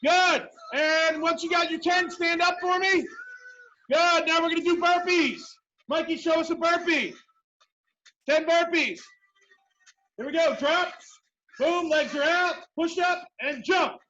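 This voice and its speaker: A man's voice: very high-pitched, fairly even intonation, unhurried, long pauses, sharp tone. A man coaching a youth workout live, barking urgent, repeated commands and encouragement like a gym coach over dull call audio. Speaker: youth sports coach leading a remote group workout. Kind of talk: live workout instruction, calling out drills.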